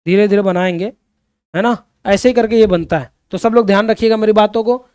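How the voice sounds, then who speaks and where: A man's voice: high-pitched, a little fast, a little mellow, clean tone, dry recording, studio quality. A man teaching Hindi grammar to students in an online lesson, often repeating his questions and calling his students children. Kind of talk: classroom-style online lesson.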